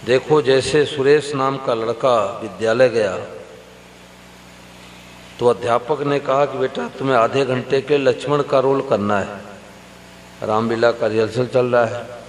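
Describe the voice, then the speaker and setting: A man giving a devotional sermon, telling stories slowly and speaking straight to the gathered listeners. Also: medium pitch. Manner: slow, storytelling, addresses the audience directly. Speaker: preacher. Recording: roomy hall reverb with faint hum.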